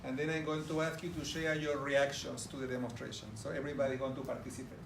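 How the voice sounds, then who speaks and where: His voice is medium-pitched, level, fast, and creaky as this middle-aged man from Argentina enthusiastically addresses a live audience head-on. He speaks with an Argentine Spanish accent in a large room, and the sound is distant and roomy with background noise.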